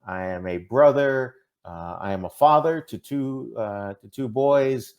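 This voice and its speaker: A podcast guest from Minnesota with a Minnesotan accent talks casually and hesitantly, full of fillers and restarts, in an interview. His mid-range voice is unhurried, and the sound is lo-fi.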